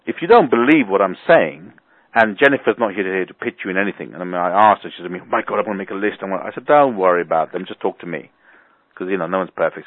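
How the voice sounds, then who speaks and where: A fairly low-voiced man talking over a thin, tinny phone line that keeps breaking up as the stream quality drops. He chats in a jokey, rambling way as host, with a dry sound and no room around him. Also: no echo. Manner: chatty, jokey, repeats himself. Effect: phone line breaking up, stream quality dropping. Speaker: host of a call-in web seminar. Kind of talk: casual promotional talk. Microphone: telephone.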